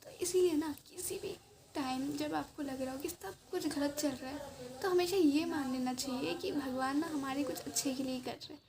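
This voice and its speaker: A woman's voice: high voice, moderate pace, a little mellow. A woman casually telling a moral story and giving a motivational talk, chatty, meandering and earnest. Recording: noisy background hiss.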